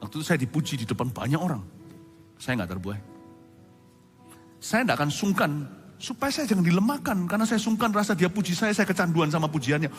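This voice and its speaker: Lively high-voiced male preacher in a hall. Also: a little fast, pauses often. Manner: animated preaching that acts out other people's voices. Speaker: pastor. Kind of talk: sermon. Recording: reverberant hall with faint music.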